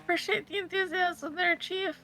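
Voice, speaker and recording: A woman playing an online roleplay game, chatting in a relaxed, wry way. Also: extremely high pitch, moderate pace, a little hiss or hum. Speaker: fellow roleplay player. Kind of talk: casual in-game roleplay chat.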